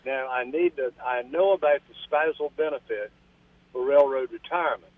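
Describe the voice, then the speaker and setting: Over a phone line, an earnest, courteous caller in his seventies asks a radio show a question, addressing the host as ma'am. He speaks at a moderate pace in a medium-pitched voice, with no room sound.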